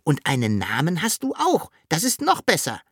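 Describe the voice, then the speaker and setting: A narrator voicing a cheeky, childlike creature in a storybook reading, in a high, eager voice. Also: wildly swooping pitch, moderate pace, a bit bright, husky, no room sound, studio quality, exaggerated voice.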